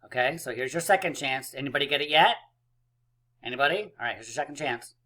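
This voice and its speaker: A man's voice: medium pitch, lively intonation, quick pace, sharp tone. A man teaching a math lesson to young children, upbeat and chatty with lots of fillers. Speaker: math coach.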